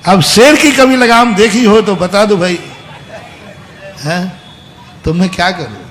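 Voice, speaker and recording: A man, a Jain monk, giving a sermon, telling stories with sudden loud emphatic bursts and quiet asides. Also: high-pitched, unhurried, a faint crowd. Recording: long hall reverb with faint background hum.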